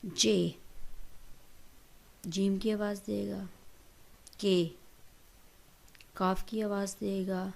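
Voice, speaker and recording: A woman's voice: medium pitch, flat delivery, gravelly, pauses often. A woman giving a patient, step-by-step language lesson, often checking in with "right?". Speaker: English teacher.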